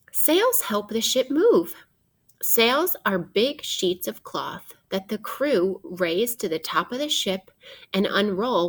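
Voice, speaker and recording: Her voice falls in the middle range as this female teacher reads a kids' nonfiction book aloud. She explains expressively and speaks right to the children listening.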